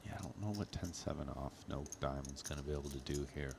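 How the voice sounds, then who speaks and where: A man with an extremely deep voice gives casual poker analysis. He talks conversationally, in loose, hedged phrases. There is clear background noise and ambience around him. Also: quick pace. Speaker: professional poker player, guest commentator.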